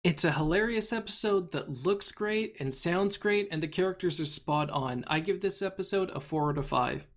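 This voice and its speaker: A man's voice: high voice, moderate pace, few pauses, a bit bright. A man hosting a casual review discussion, leading the talk and laughing easily. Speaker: podcast host.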